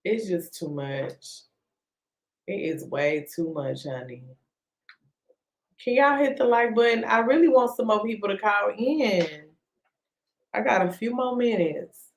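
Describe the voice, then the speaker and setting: A woman's voice: medium pitch, roomy sound. A woman hosting a casual live stream, talking in a drawling, exasperated, slangy way.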